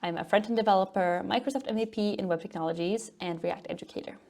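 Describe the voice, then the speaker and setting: Her voice mid-range, slightly mellow and creaky, a Norwegian woman speaks fast as she presents a technical conference talk. She's a front-end developer and educator, and she explains things informally and upbeat.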